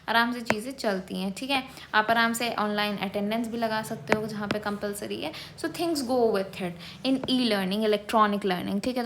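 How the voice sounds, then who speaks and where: A young woman teaching an online exam-prep class at a mid-range pitch. She reads out definitions slowly and carefully, then switches to quick, chatty explanations with frequent check-ins. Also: background noise. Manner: fast-talking, checks in with frequent "okay". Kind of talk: online lecture.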